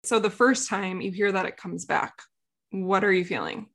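A woman's voice: mid-range voice, fairly even intonation, moderate pace, fairly bright tone. A woman hosting a podcast, asking her guests questions with short affirmations. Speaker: podcast host. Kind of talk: interview questions.

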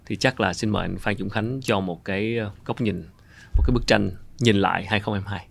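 A man's voice: on the low side, fairly quick, vocal fry. A man hosting a podcast, introducing the show and moderating the discussion. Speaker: podcast host.

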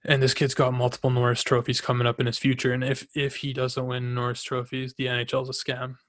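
An excitable young man from Canada rambles about hockey, full of fillers and restarts. His pitch stays strikingly flat and level, and the sound is close and dry. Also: quick pace, no room sound. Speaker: hockey fan commentator. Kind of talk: casual opinion monologue.

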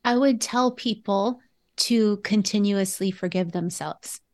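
A woman's voice: mid-range voice, a little slow, darkish tone. Earnest woman guest, reflective and candid. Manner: earnest, reflective, laughs often while telling stories. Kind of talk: candid interview conversation.

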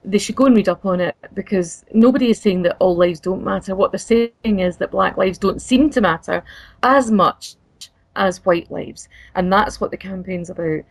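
A woman's voice: mid-range voice, moderate pace, no room sound. A woman on a video call whose connection breaks up, speaking in an earnest, concerned way during a casual talk-show discussion.

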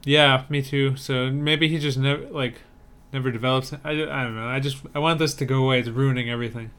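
A man co-hosts a casual podcast in an easygoing manner, with dry humor. His voice is smooth and clear, at an ordinary pitch. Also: steady tone, a little fast, fairly bright tone. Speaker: podcast co-host. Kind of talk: casual chat. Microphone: remote video call.

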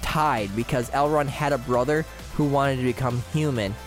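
A man's voice: medium pitch, normal speed, soft background music. A man chatting casually with friends, explaining things as an eager fan in slangy, frat-bro talk full of filler words.

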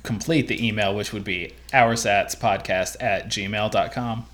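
A man's voice: lowish voice, measured pace, slight background noise. Male podcast co-host, easygoing and rambling, casual sign-off delivery. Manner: relaxed, rambling with fillers.

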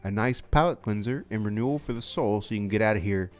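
A man's voice: lowish voice, quick pace, faint music behind. A man hosting a casual comedy podcast, rambling, laughing easily and swearing. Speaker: podcast host.

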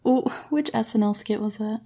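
A woman's voice: mid-range voice, normal speed, mellow. Woman podcasting casually in an echoey warehouse-like room. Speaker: podcast co-host. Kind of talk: casual banter about cartoons. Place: uncarpeted room in a house.

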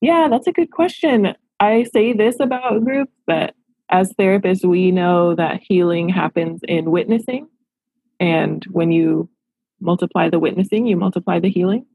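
A woman's voice: lowish voice, normal speed, gravelly, mellow, slightly rough, no room sound, rough recording. A woman in her thirties from Los Angeles, a therapist answering interview questions in a reflective, earnest way. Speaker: therapist and practice owner.

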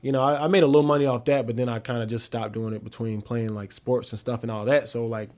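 A man guesting on a podcast, talking about his videography work in a relaxed way and acting out what people said to him. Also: medium pitch, fast talker. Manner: relaxed, acts out quoted dialogue. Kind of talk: casual podcast chat.

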